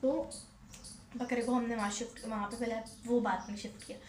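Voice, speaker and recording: A young woman, talking quietly at home as she rambles through a story for her vlog, often repeating herself. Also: fairly high pitch, fairly even intonation, fairly quick. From Pakistan. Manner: speaking softly, hushed so as not to wake the household. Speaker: vlogger. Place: at home, indoors. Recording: echoey room, faint background noise.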